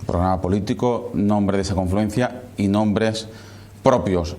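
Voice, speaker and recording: A man's voice: on the low side, unhurried, warm tone. A man putting formal, probing questions as a political interviewer.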